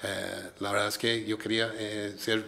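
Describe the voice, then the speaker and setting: A middle-aged man from Minnesota, an entrepreneur, is interviewed in Spanish, which he speaks as a second language with an American English accent, hesitating and using lots of fillers. He has a lowish, creaky voice, pushed and bright, with little pitch movement at a moderate pace.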